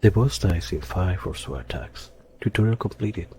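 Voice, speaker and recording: A man narrating a scripted game review in a dry, sarcastic manner, with a gravelly voice. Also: sits low, expressive, normal speed, warm tone, slight background noise.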